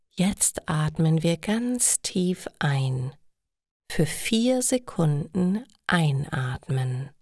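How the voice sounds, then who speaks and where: A woman voicing a calm female meditation teacher who speaks quietly and slowly. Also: low-pitched, dry recording, clean studio sound, exaggerated voice. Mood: guiding. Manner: quiet, slow, soothing instructions.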